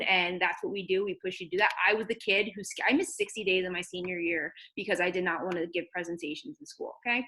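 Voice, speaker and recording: A woman's voice: medium pitch, a bit bright, poor audio. A woman from New Jersey hosting a video call as a fitness team leader, chatty and encouraging in a casual motivational talk.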